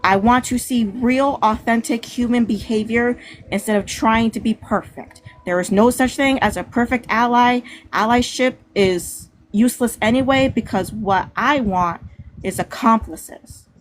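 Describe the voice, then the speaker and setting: A woman's voice: fairly high pitch, a little slow, slight background noise. A woman speaking out bluntly and with fire in a live discussion, swearing freely. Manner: blunt, fiery and profane. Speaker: panel discussion participant.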